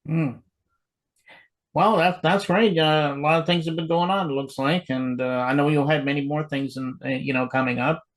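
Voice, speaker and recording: A man's voice: on the high side, fairly even intonation, normal speed, poor audio. A man hosting an interview show in an easygoing way, with lots of fillers. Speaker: show host.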